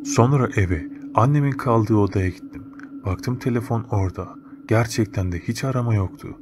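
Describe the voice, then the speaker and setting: Deep-voiced man telling a scary story. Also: normal speed. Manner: casual, slangy, matter-of-fact retelling. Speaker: horror story narrator. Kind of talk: first-person storytelling. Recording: noticeable background noise.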